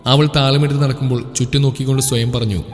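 A man reading a romance story aloud in a steady, descriptive way. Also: medium pitch, fast talker. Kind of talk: scripted narration of a romance story. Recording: echoey room with background music.

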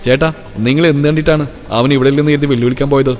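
Brief: nervous villager, voiced by a man, pitched up and loud, echoey, faint music. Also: steady tone, racing, natural voice. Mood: uneasy. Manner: uneasy, warning. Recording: reverberant audio with soft music.

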